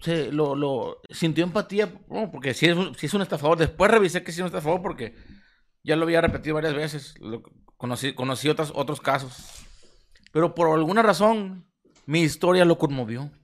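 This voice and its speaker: A man's voice: a little high, fairly quick. A man with a Mexican accent hosting a podcast, telling a long story in a rambling, slang-heavy way with many restarts. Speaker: podcast host. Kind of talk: casual storytelling chat.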